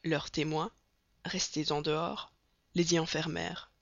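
An audiobook reader narrating a classic novel in a steady, measured way, in a dull, dry recording. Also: medium pitch, vocal fry, no room sound.

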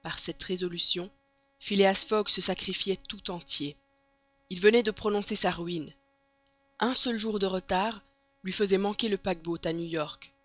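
Steady audiobook narrator, dull lo-fi sound. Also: mid-range voice, moderate pace, no room sound. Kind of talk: scripted narration of a classic novel. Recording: dull lo-fi recording.

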